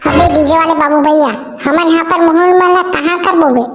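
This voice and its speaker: A woman's voice: very high-pitched, steady tone, moderate pace, reverberant. A woman voicing a cartoon character with a Chhattisgarhi accent, threatening and bossy. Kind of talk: comic cartoon dialogue.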